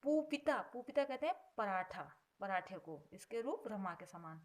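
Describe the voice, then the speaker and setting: Woman going through a vocab list, says each word louder then explains it slow and low. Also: sing-song. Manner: explains patiently, repeating each word before its meaning; stresses each headword louder, then drops low on the grammar note. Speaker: Sanskrit teacher. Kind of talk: vocabulary lesson.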